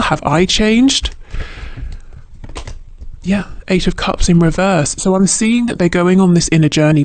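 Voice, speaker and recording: This tarot reader is a man with a fairly high, slightly mellow voice, and the recording has no room sound. Offering the viewer an unscripted spiritual reading, he is reflective and often hesitant as he gropes for phrasing.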